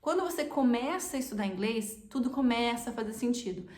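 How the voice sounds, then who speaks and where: A Brazilian woman with a Brazilian Portuguese accent gives a casual online English lesson, her voice sitting a little high. She talks in a chatty way and drives each point home by repeating it. The room around her adds a clear echo. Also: expressive, brisk, a little mellow. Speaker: English teacher.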